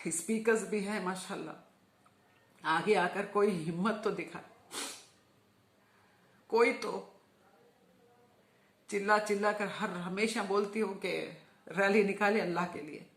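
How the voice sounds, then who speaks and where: A woman's voice: mid-range voice, fairly bright tone. A woman making a fervent, emphatic religious appeal, repeating words for emphasis. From Hyderabad, India. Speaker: religious speaker. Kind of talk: impassioned video appeal. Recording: roomy echo.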